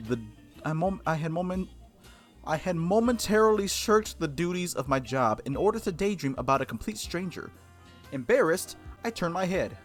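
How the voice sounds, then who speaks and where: With music playing in the background, a let's play streamer reads through a visual novel, adding jokey, casual asides and stumbling on some words. The voice is mid-range and a bit bright.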